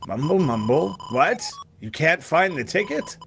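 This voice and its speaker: A man's voice: on the high side, very animated, a little slow, vocal fry, music in the background, full character voice. A man voicing a cryptic old male book wizard in a game, who mutters "mumble, mumble" between riddling remarks.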